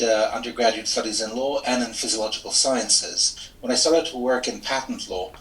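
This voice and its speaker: A middle-aged man from Switzerland speaks in a low, crisp and bright voice, telling his story with candid, self-deprecating ease. He sits well back from the microphone on a video call. The room rings with echo around him. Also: slight background noise. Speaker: interviewee, lawyer and mediator. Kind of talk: reflective interview storytelling. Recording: echoey room, distant from mic.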